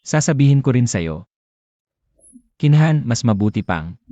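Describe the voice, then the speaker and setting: A desperate grieving husband. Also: male voice, mid-range voice, big pitch swings, a little slow, warm tone, no echo, dull audio. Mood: angry denial. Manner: pleading, insistent. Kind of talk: dubbed short drama acting.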